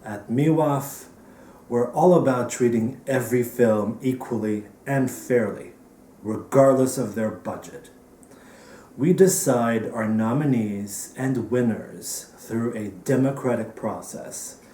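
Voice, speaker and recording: A man hosting a virtual awards ceremony from home, delivering a dry, deadpan comedic monologue. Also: medium pitch, takes it slowly, roomy sound, recorded from a distance, a little hiss or hum. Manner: dry, deadpan topical jokes. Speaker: festival director hosting an awards show.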